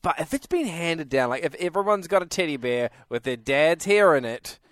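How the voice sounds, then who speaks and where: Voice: mid-range voice, moderate pace, no echo. Playful radio cohost, laughs a lot, voice jumps all over, dry sound. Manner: laughs easily, animated, playful. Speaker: radio host. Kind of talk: casual chat.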